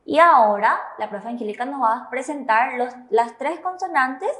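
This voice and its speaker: A woman teaching Korean pronunciation in Spanish with a Paraguayan accent, explaining slowly and patiently and checking in with her students. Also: high voice, animated, fairly bright tone, roomy sound. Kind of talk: slow, careful classroom explanation.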